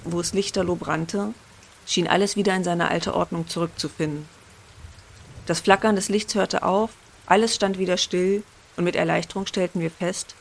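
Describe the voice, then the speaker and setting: A woman narrating a first-person horror story in a measured, suspenseful way. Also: lowish voice.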